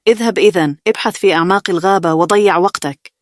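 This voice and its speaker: A woman's voice: lowish voice, fast, no echo, clean studio sound, natural voice. A woman reading the part of a sarcastic older brother, a young man, in a bedtime story. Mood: jeering. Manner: sarcastic, jeering.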